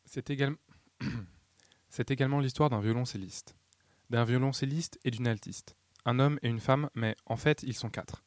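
A man's voice: medium pitch, normal speed, no room sound. Man reading aloud, dry close sound. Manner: stumbling, restarting phrases. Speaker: podcast co-host.

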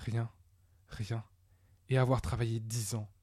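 Un homme jouant un vieux peintre exalté. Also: male voice, lively intonation, moderate pace, a little mellow, no room sound, clean studio sound, close to an everyday voice. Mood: despairing. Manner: declaiming, highly emotional. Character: old male painter, proud, then desperate.

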